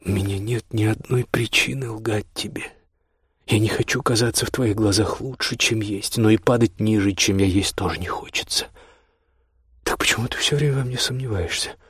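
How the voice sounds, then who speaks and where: A confident, teasing man lover in whispered role-play, murmuring low and intimate, as a male reader plays him. The voice is low and husky, close and dry with no room around it. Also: normal speed, a bit bright, no room sound. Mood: earnest.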